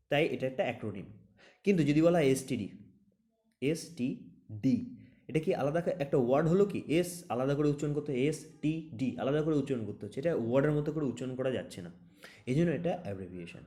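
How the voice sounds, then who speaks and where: A man teaching a vocabulary lesson for exam preparation at a quick clip. His voice is mellow and dark, and he checks after each point whether his students follow. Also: a little high. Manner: explains with many examples.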